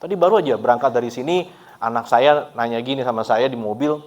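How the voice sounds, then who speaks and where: Chatty man preaching a relaxed sermon. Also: mid-range voice, quick pace, dull audio. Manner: relaxed and chatty, laughs often, mixes in English words. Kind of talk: conversational sermon. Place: church service.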